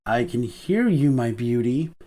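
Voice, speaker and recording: A man voicing a grumpy, reserved older man who speaks tersely and haltingly in a romance audiobook. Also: mid-range voice, animated, dark tone, pitched below the performer's own voice. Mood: gruff.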